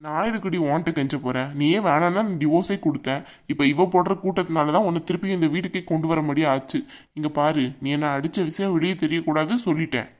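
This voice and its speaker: A woman's voice: sits low, fast, natural voice. A woman voicing a young husband in a cartoon who blusters and threatens his wife. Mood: blustering. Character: bullying young husband, now cowed. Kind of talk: cartoon voice acting.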